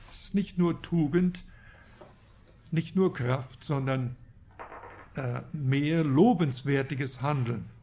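Slow, gravelly preacher. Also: male voice, fairly high pitch, warm tone. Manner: slow, reflective, with rhetorical questions. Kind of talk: Bible teaching sermon.

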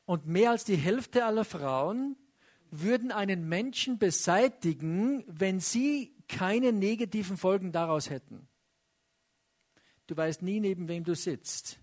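A man preaching a sermon, emphatic and loud on key points, quiet and personal when he questions his listeners. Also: sits high.

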